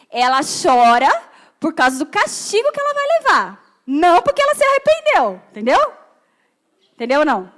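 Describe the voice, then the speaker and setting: High-voiced Brazilian woman preaching. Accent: Brazilian Portuguese. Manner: asks the congregation questions. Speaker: pastor. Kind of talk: sermon.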